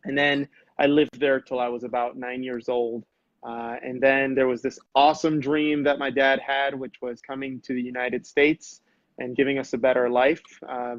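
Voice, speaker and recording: A man's voice: mid-range voice, no room sound. A man from Venezuela, a guest on a live show over a video call, talking casually with many hesitations. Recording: dull, dry call audio.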